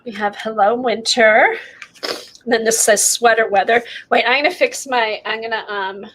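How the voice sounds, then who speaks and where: A woman's voice: on the high side, fairly even intonation, moderate pace, a bit bright, poor audio. A woman chatting casually as she hosts an art show and shows her craft work, rambling with many fillers, in her morning voice. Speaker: host of an art livestream. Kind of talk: casual chat while showing crafts.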